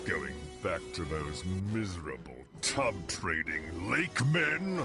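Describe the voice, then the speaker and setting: Menacing, taunting game dragon: slow, swooping delivery, sly and wrathful. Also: male voice, low-pitched, sing-song, gravelly, full character voice. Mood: sly, boastful. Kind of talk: video game villain acting. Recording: loud music over the voice.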